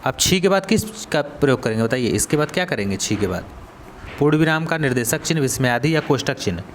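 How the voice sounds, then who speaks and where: A man with a Hindi accent and an ordinary mid-pitched voice works through exam questions for a coaching class. He poses each question, waits, then repeats the answer, over a faint background hiss. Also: expressive, fast talker. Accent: Hindi, Varanasi region. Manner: asks students then answers, repeats key words. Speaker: coaching teacher.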